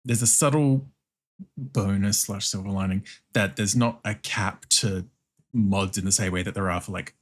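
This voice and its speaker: Casting: Australian man, somewhat low-pitched, casual and giggly streamer welcoming chat while he draws. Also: normal speed. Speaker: streamer and artist.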